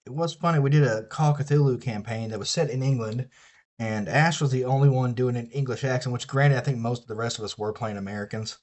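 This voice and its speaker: A man's voice: medium pitch, fairly quick, a little mellow. A man with a Southern US accent chatting casually and swearing freely while he builds an electronics kit on a live stream.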